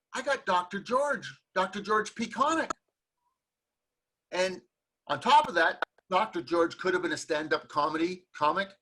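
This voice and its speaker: A man hosts a conversational interview, speaking in a high, bright voice with a husky edge. He talks earnestly and mixes in humor. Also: rough recording. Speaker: interview host.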